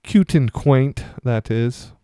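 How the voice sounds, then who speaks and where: A man's voice: medium pitch, lively intonation, slow pace, warm tone, clean tone, no room sound. A young man giving casual, rambling commentary as he plays a game and tours a server. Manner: chatty, meandering, easily distracted. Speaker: Let's Play host.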